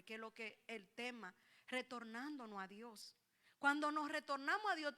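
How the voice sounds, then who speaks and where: Bright, high, and consistently sharp and clear, a female pastor's voice carries her animated sermon. She rises to loud exclamations and repeats her congregants' words back to them as dialogue.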